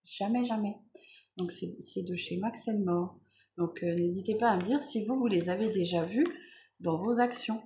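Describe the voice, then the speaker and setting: A woman vlogger chatting casually while unboxing beauty products, relaxed, with many fillers and self-corrections. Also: medium pitch, normal speed, a little hiss or hum.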